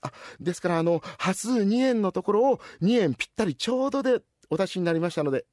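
A brisk, overly polite supermarket cashier, as a male storyteller puts one on, rattling off formal shop phrases fast in a comic rakugo tale. The voice sits a little high. The sound is dry and close. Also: lively intonation, a little mellow, dry recording.

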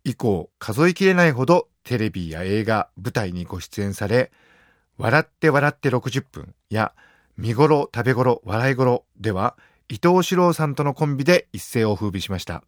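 A man's voice: medium pitch, expressive, moderate pace, no room sound. A man hosting a studio interview, courteous and attentive, reading out the guest's profile. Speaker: interview host.

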